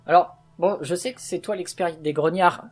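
A man's voice: high voice, normal speed, faint music behind. Passionate man ranting about games. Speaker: let's play host. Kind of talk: casual gaming chat.

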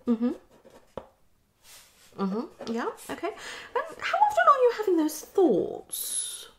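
In a small living room at home, a British woman in her thirties plays a psychologist in an ASMR roleplay, a one-sided consultation where she asks questions theatrically and murmurs acknowledgements. Her voice is extremely high and swoops wildly in pitch, she speaks slowly, and background noise is audible.

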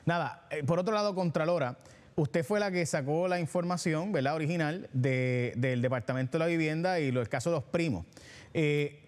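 A man's voice: fairly high pitch, normal speed. A man with a Puerto Rican accent hosting a TV talk show, teasing his guest in a joking, sarcastic, colloquial way. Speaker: TV show host.

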